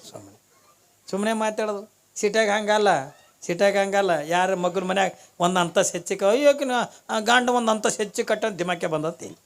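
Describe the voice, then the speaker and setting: High-voiced animated man preaching. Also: fairly quick. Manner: animated storyteller acting out voices, asks audience questions. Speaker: religious speaker. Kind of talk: sermon with comic storytelling.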